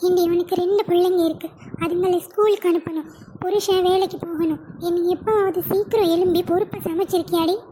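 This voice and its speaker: Woman putting on a very high-pitched nagging mother-in-law. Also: fairly even intonation, a little fast, mellow, a little hiss or hum, low-quality recording. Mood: nagging, indignant. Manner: nagging, scolding complaints. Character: nagging, scolding mother-in-law in a village household. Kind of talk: comic family skit.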